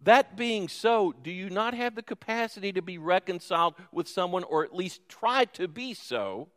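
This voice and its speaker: A pastor with a high-pitched, expressive, fairly bright voice preaches at normal speed in a church sanctuary, the hall reverberant. His sermon is conversational, full of questions to the congregation and jokes with them.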